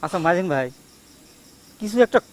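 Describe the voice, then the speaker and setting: An actor playing an anxious youngest brother urging for a way out. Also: male voice, high-pitched, lively intonation, no echo. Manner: urgent, quick pleading.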